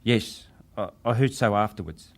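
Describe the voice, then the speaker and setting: At a dramatized hearing, a male actor voices a young ship's wireless operator who speaks in a deep, natural tone. Grave and restrained, he replies with careful deference, now and then pausing like a survivor picking each word.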